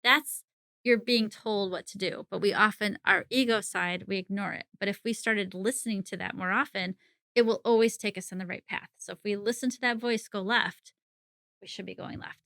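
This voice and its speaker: A middle-aged woman talks as a podcast guest in a casual, chatty way, often laughing mid-sentence. Her voice is bright and forceful, recorded dry and close with little room sound. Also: medium pitch, steady tone, brisk, gravelly, dry recording. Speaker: psychic medium guest. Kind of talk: casual interview conversation.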